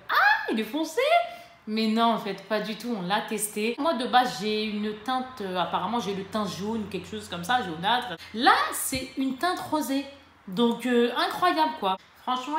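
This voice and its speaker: Woman doing a makeup haul, kinda high voice, rambly with lots of fillers, roomy echo. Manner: chatty, lively pitch swings, fillers and self-corrections. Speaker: beauty vlogger. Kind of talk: casual haul chat to camera. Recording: echoey room with faint ambient noise.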